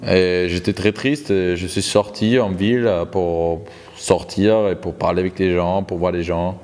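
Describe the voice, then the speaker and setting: A long hall reverb surrounds this man as he live-interprets a testimony at normal speed, hesitating and rephrasing or repeating words. His voice is low-pitched, steady, and darkish in tone.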